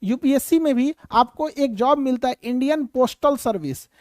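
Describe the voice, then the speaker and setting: A woman's voice: sits high, moderate pace, a little mellow, dry recording, studio quality. A woman giving a classroom lecture to live students. She asks rhetorical questions and answers them herself, and breaks off to tease and scold students. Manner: teasing, scolding asides to students. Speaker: teacher.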